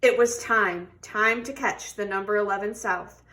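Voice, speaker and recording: A woman with a mid-range, bright, pushed voice reads a picture book aloud to kids at normal speed. Her delivery is expressive, with stretched-out words and questions aimed at the young listeners.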